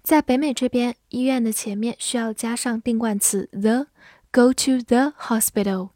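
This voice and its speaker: Slow, clear woman teaching vocabulary. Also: on the high side, fairly even intonation, a little mellow, dry recording, studio quality. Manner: clear, patient, reads example sentences slowly. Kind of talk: vocabulary lesson explaining words.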